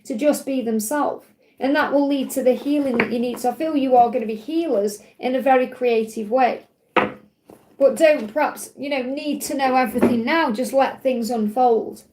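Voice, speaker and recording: A woman's voice: sits high, normal speed, a little mellow, a little hiss or hum. A woman with a Stoke-on-Trent accent, giving a casual, reassuring live card reading to viewers. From Stoke-on-Trent, England. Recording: roomy, echoey sound.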